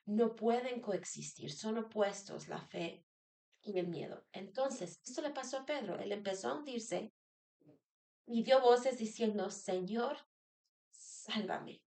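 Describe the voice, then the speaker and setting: A woman's voice: on the high side, a little slow, creaky, mellow. A woman sharing a personal devotional talk as a church member, earnest, repeating phrases and asking rhetorical questions.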